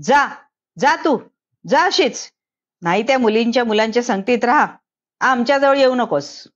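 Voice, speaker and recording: A woman's voice: on the high side, measured pace, highs cut off, voice pushed up, lightly acted. A woman reading a storybook, voicing a distraught mother angrily scolding her daughter. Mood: angry. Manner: angry, reproachful.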